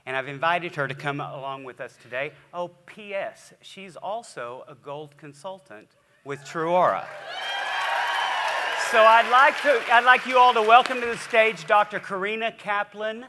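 A man's voice: high-pitched, animated, measured pace, background noise. A man in his forties hosting an onstage interview, chatty and enthusiastic, with frequent restarts. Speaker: host. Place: large conference stage. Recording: hall reverb from a stage.

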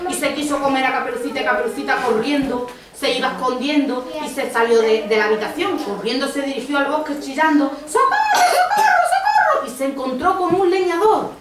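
A woman from Andalusia narrating a fairy tale in an expressive sing-song way to small children. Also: high-pitched, a little fast, few pauses. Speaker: storyteller mother. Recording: echoey school hall from far off, noisy.

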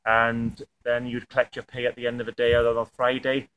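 In his thirties and a native Welsh speaker from Wales, this tourism representative answers on-camera interview questions hesitantly, with many fillers and restarts. His medium-pitched voice is monotone, fairly quick and a bit bright. A camera mic picks him up in an outdoor museum yard by stone buildings, giving a rough recording with outdoor noise behind.

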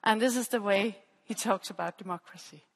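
A PhD researcher, a woman, presents at an academic conference from the stage of a large, dark auditorium, speaking into a headset mic as she explains and restates her phrases. Her voice is medium-pitched, a little fast, with a breathy edge. The hall is echoey, with long reverb.

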